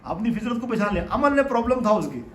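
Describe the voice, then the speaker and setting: High-voiced man preaching in an echoey room. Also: lively intonation. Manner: storytelling, rhetorical questions, rising to emphatic peaks. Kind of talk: Urdu religious sermon.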